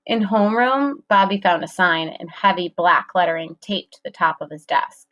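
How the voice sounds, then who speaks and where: A woman narrating a children's audiobook in a measured storytelling manner. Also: lowish voice, fairly bright tone.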